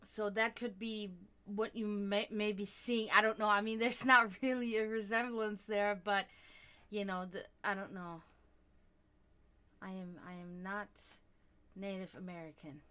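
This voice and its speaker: A woman born and raised in Germany, with German as her first language, warmly reads tarot cards for live stream viewers. Her mid-range voice is smooth and a little slow. Chatty and animated, she laughs often and talks to the chat.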